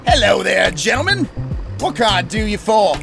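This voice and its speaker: Guy doing a fake posh shopkeeper voice, put-on english accent, high and chirpy, music under it. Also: very animated, moderate pace, gravelly, heavily acted. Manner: chirpy, fussy, overdone. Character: stubby-faced male shopkeeper in a ratty top hat, fake posh.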